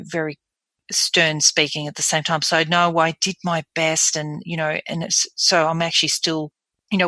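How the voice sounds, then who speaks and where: A woman's voice: sits low, pushed and bright, no echo. A woman talking as a voice coach guest in a podcast interview, earnest and explanatory, often demonstrating example voices.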